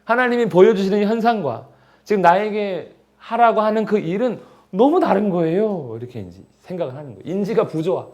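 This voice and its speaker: A man's voice: high voice, lively intonation, a little fast, a little mellow. A man, a pastor, leading a Bible study in a conversational way and acting out prayers and replies as dialogue.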